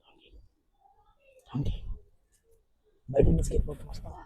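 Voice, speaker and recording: A man's voice: normal speed, warm tone, no echo, poor audio. A man vlogging casually at an outdoor animal park, chatting playfully to the animals. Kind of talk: casual vlog narration.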